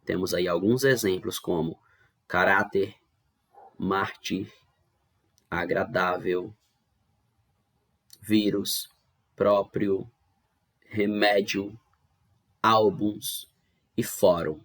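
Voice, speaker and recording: A man's voice: low-pitched, steady tone, extremely slow, pauses often, a bit bright. A man teaching an online school review lesson. He explains step by step, repeats the key rules and keeps checking in with the class.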